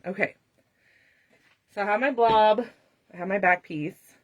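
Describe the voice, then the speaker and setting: A woman's voice: medium pitch, measured pace, narrow, tinny audio, a little hiss or hum. A woman hosting a live craft demonstration, chatting to viewers and laughing often as she works. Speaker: craft tutorial host.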